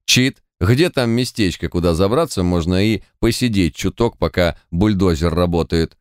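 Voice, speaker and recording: A man's voice: low-pitched, normal speed, smooth, no echo, clean studio sound, lightly acted. A man voicing a laid-back, teasing male squad leader in an audiobook. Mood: wry. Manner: offhand, teasing.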